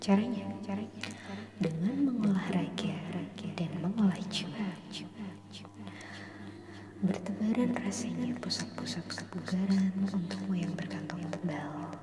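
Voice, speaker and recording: A woman giving gentle ASMR affirmations in a slow whisper, her voice carried by a digital echo effect. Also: lowish voice. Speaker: ASMR host. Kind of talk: soft-spoken ASMR affirmations. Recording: long echoey reverb effect.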